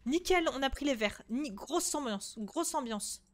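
A young adult woman streaming a horror game, chatting casually with her viewers. She swears freely, repeats herself in quick bursts and breaks into shrieks when the game startles her. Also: sits high, expressive. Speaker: gaming streamer. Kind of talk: let's-play commentary of a horror game.

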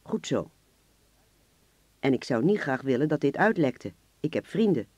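Brief: a man voicing a soft-spoken killer for a radio play, courteous on top, ice beneath. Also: medium pitch, big pitch swings, measured pace, no room sound. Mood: menacing. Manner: polite on the surface, coldly threatening. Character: soft-spoken menacing hitman posing as a father.

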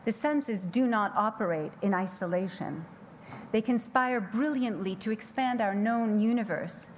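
A middle-aged woman giving a scripted keynote speech from a podium on a large conference stage, with a measured, poetic delivery and slow emphatic pauses. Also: mid-range voice, slight background noise. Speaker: keynote speaker. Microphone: podium microphone.

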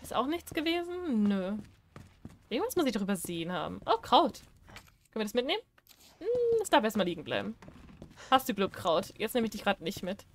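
A woman casually commenting on a horror video game as she plays, chatting to the game's characters and swinging between shrieks and low mumbling. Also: sing-song, a little fast, pauses often, a little hiss or hum. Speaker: gaming streamer. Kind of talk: casual Let's Play commentary.

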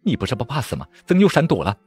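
A man's voice: medium pitch, huge pitch swings, racing, darkish tone, breathy edge, pitched above the performer's own voice, full character voice. A man reading a storybook aloud, voicing a cold, scornful young female swordswoman who sneers and snaps impatiently.

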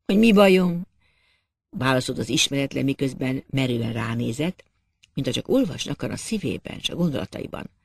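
A man narrating a classic novel as an audiobook, in a measured literary reading that acts out the characters. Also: mid-range voice, gravelly, husky, no room sound, studio quality.

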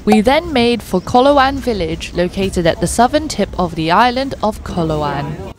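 A young woman reads a calm, scripted travel narration in an even, informative way. Her voice sits mid-range, with soft music playing faintly underneath. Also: medium pitch, unhurried. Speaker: travel vlogger.

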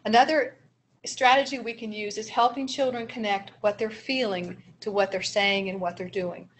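A woman giving a seminar presentation on child behavior, acting out short teacher examples in a lively way. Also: medium pitch, moderate pace, slight background noise. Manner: animated, acts out teacher examples. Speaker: early childhood trainer.

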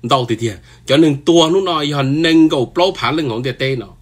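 A man's voice: a little high, racing, husky. A man hosting a solo news talk show, speaking loosely with many fillers and often pushing his voice up for emphasis.

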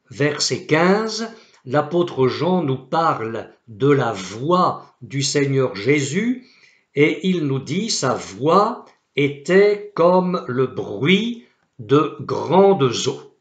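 A male pastor preaching a sermon, speaking slowly and deliberately and quoting scripture solemnly. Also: a little high, very animated, reverberant, lo-fi sound. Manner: slow, deliberate preaching with solemn Bible quotations.

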